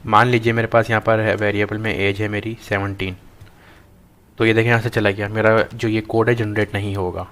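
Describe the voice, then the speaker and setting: Low flat-voiced man teaching code. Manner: thinks aloud while typing, halting with many restarts. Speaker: programming tutor. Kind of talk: screen-recorded coding lesson.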